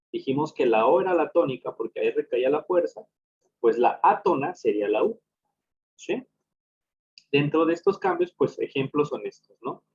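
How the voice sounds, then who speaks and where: A man's voice: mid-range voice, darkish tone, breathy edge. A man teaching a lesson, explaining step by step and often checking that his students follow. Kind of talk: recorded class lecture. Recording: dull lo-fi recording.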